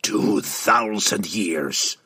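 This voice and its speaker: A man voicing the bitter ghost of an old dwarf king, with a gravelly voice and slow, forceful contempt. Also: fairly low pitch, lively intonation, exaggerated voice.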